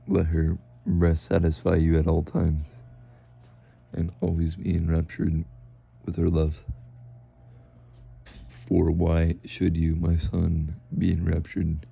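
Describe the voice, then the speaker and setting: A man reads scripture in a very low, completely flat voice with a creaky, gravelly edge. He goes slowly and haltingly, deadpan throughout. The recording is dry and somewhat dull. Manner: deadpan, halting with stumbles over words. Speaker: reader. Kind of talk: monotone scripture reading.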